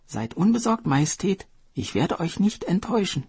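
A loyal little sea turtle, eager and earnest, her voice lifted high and bright with wonder, as a man puts her on. The tone stays husky and breathy. The sound is dry and close. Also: sing-song, normal speed, dry recording, full character voice.

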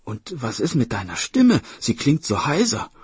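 A man's voice: medium pitch, wildly swooping pitch, moderate pace, breathy edge, dry recording, full character voice. A man voicing a cautious, clever boy who keeps asking questions. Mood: questioning. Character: wary, clever boy, the older brother.

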